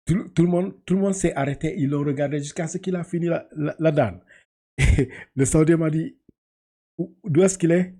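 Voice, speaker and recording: A man's voice: a little high, moderate pace, mellow. A man teaching a class to read Arabic letters, patiently repeating syllables and often laughing as he explains. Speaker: Quran reading teacher.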